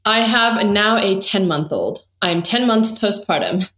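A woman's voice: medium pitch, lively intonation, a little slow, fairly bright tone. A woman in her thirties, raised in the UK, speaking as a podcast guest in a dry, joking, matter-of-fact way. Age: 30s. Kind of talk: casual interview chat. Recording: echoey room.

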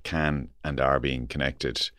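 A man's voice: rumbling low, level tone, slow pace, fairly bright tone, no room sound, clean studio sound. A man hosting an interview in a casual, chatty way, with wry, teasing asides. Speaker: podcast interviewer, host.

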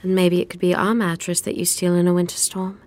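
An actress playing a prim, guarded young noblewoman with a dry, measured way of talking. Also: on the low side, completely flat delivery, a little mellow, close to an everyday voice.

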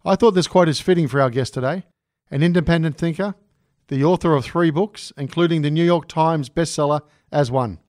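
Reading from a script before moving into interview questions, the man hosting this podcast keeps a measured manner. His somewhat high voice has a slightly mellow quality, and the recording is dry with clean studio sound.

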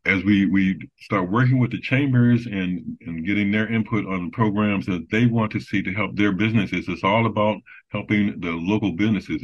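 Deep-voiced man, halting interview guest. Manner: halting, many restarts and fillers. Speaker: business development guest. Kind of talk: casual interview talk. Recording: dull lo-fi sound.

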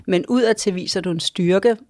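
A woman's voice: medium pitch, darkish tone, no echo. A woman giving parenting advice on a call-in show, talking in long reassuring run-ons that keep checking in with the listener. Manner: rambling, reassuring, frequent tag questions. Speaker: parenting advisor.

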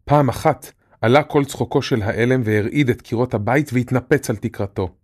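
A man narrating a fairy-tale style audiobook in a measured storytelling manner. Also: medium pitch, no room sound, studio quality.

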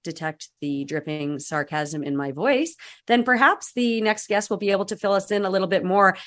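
A woman's voice: medium pitch, normal speed, a bit bright. Chatty woman hosting radio. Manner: sarcastic, chatty, with restarts. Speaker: radio guest host. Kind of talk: radio talk show interview.

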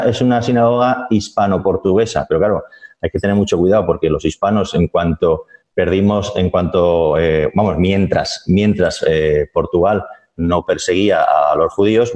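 Man, very deep voice, animated storytelling, slangy, restarts a lot. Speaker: journalist guest. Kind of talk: casual radio chat.

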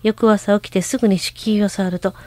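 A woman's voice: mid-range voice, fairly even intonation, normal speed, dark tone, no echo. Woman reading out a listener's letter.

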